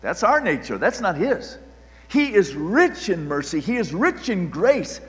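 A male pastor preaching a sermon with animated delivery, swinging between loud emphasis and hushed, quiet lines, often restarting and repeating words. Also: sits high, measured pace, in a large hall.

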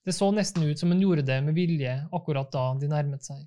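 A man narrates a classic novel in a calm, even reading. His voice is slightly high, and he keeps the audiobook pacing steady.

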